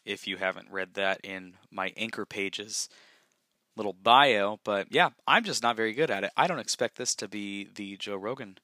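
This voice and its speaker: A man's voice: lowish voice, moderate pace, sharp tone, no room sound. A young man hosting a casual solo podcast from a bathroom, rambling and self-deprecating, recorded on a gaming headset mic. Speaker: podcast host.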